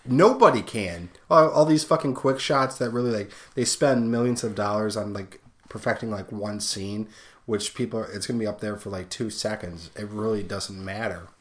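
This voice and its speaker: A young man with a lowish voice rambles through a casual podcast conversation, swearing freely and trailing off into side thoughts. His talk is loose and unscripted. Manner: profane, rambling, fast asides. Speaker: podcast co-host.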